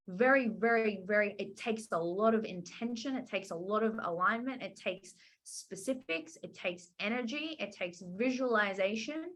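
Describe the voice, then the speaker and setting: A woman coaching a group call in a casual, chatty way, acting out quotes and often asking "right?". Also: medium pitch. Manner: animated, chatty, acts out quotes, many "like" and "right?". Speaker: business and money mindset coach.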